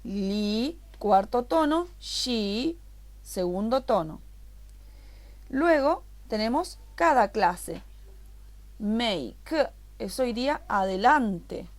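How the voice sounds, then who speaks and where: A woman's voice: on the high side, expressive, slow. A woman teaching a recorded online language class, explaining patiently and repeating each word step by step.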